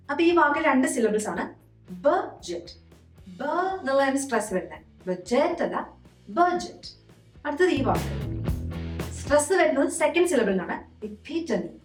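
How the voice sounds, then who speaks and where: A woman gives an English pronunciation lesson, slowing down to repeat each word syllable by syllable. Her voice is high. She sounds a little far from the mic in an echoey room, with faint music under her. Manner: slows down to repeat words syllable by syllable. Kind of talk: spoken-English lesson for Malayalam speakers. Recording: echoey room, from a distance, soft music behind.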